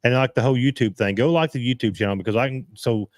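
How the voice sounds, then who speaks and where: A man hosting a casual live-stream chat, rambling and halting as he restarts his sentences. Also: mid-range voice, no room sound, clean studio sound. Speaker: host.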